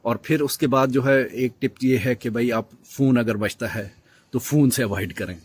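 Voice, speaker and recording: A man's voice: medium pitch, moderate pace, husky, dry recording. A man casually talking through advice for overseas health workers, with frequent fillers and English words mixed in. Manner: relaxed, mixes in English words, many "jo hai" fillers.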